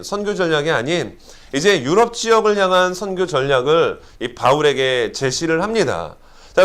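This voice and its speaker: A man's voice: on the high side, a bit bright. A man preaching a sermon as a pastor, with a nasal, congested voice from a stuffy nose and an emphatic delivery. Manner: emphatic preaching with rhetorical questions. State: stuffy nose from pollen allergy. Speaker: Korean church senior pastor.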